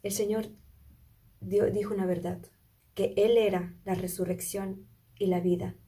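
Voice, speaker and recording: A woman's voice: medium pitch, flat delivery, a little slow, mellow, husky. A woman preaching a sermon, retelling a Bible story in an earnest way and often asking her listeners questions. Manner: earnest, asks listeners questions, small restarts.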